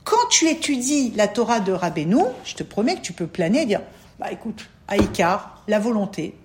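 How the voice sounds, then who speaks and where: A woman's voice: medium pitch, big pitch swings, normal speed, a little mellow, slight background noise. A woman explaining religious teaching to a listener in an emphatic, coaxing way, often calling for attention. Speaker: spiritual advisor.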